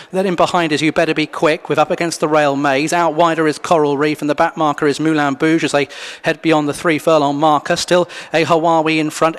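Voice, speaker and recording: A man's voice: on the high side, a bit bright. A man giving live horse racing commentary, calling the positions of the runners.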